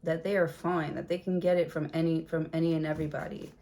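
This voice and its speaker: A woman's voice: sits low, little pitch movement, fast talker, warm tone. A woman giving a casual tarot reading, blunt and chatty with plenty of swearing, in a room with a window open. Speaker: tarot reader.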